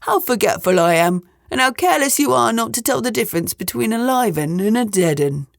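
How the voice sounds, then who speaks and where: A woman's voice: on the high side, big pitch swings, brisk, gravelly, no echo, clean studio sound, voice pushed up. A woman voicing a fussy, scolding, coaxing ogre's wife in a fairy tale, with a sing-song, chiding manner.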